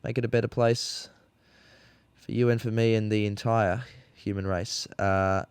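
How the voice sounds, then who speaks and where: Low-voiced man rambling through a podcast plug. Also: steady tone, unhurried, clear, resonant tone, no echo. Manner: rambling, joking, profane. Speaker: podcast host. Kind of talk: casual show intro and plug.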